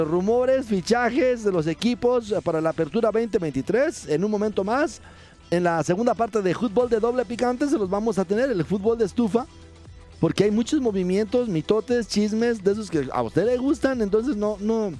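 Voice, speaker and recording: A man's voice: high-pitched, mellow. A man with a Mexican accent hosting sports radio with joking, irreverent, slangy banter. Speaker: radio sports show host.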